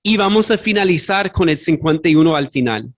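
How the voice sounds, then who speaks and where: Preaching in a church sanctuary, a pastor speaks a little fast in a fairly high, expressive voice. He's earnest, and because Spanish isn't his native language he searches for words and corrects himself aloud.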